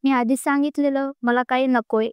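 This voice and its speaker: Woman reading as a quiet, firm groom. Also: high voice, fairly even intonation, normal speed, smooth, dry recording, lo-fi sound, lightly acted. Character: reserved, proud young groom.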